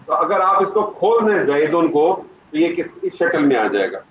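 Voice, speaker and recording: A man's voice: on the high side, big pitch swings, slight background noise. A man teaching Arabic grammar in an online class, patiently questioning students by name. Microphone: video call. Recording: muffled echoey online call audio.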